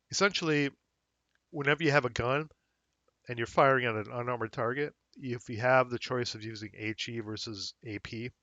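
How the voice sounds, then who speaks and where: A man with a slightly hoarse voice walks through game rules in a relaxed, thinking-aloud way, dropping fillers as he checks details. The recording is close and dry with no room sound, and a bit dull in the highs. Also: dry recording. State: slightly hoarse, losing his voice. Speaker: wargame tutorial host.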